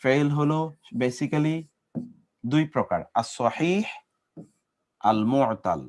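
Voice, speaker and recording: A man with a Bangladeshi accent gives an Arabic grammar lesson at a middle pitch. He breaks conjugations into single syllables and keeps asking his class questions. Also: animated, extremely slow, darkish tone. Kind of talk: classroom lecture.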